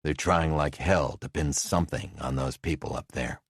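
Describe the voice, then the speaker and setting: A man voicing a gruff, reclusive male falconer who speaks bluntly and low in an audiobook. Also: normal speed, no echo, studio quality. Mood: wary.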